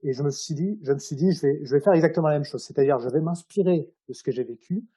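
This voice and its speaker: A man with a husky, slightly high voice gives a casual interview about his own work. His tone is mellow, and he explains things informally, feeling his way through each thought. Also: quick pace. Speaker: interviewed author.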